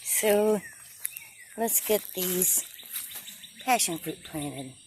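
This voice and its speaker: Animated and drawing out her words, a woman with a fairly low voice films her garden for a casual outdoor vlog. She chats and thinks aloud while working, against slight background noise.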